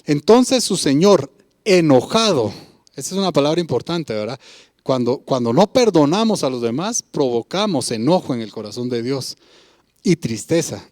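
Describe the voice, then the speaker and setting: Man, preacher, sermon, fairly high voice, lively swinging pitch, dry close sound. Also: no echo. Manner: emphatic preaching, often asks listeners "¿verdad?"; retells a Bible parable and comments on each part.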